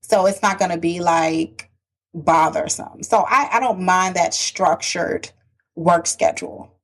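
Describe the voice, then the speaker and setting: Measured woman with a lowish voice. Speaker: podcast co-host. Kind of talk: casual chat.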